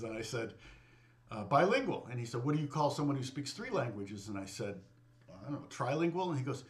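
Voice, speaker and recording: A medium-pitched, slightly bright male voice belongs to a middle-aged guitar teacher from the United States. He is casually chatting on a livestream, rambling and self-interrupting. He frequently breaks off and restarts sentences and readily laughs at himself.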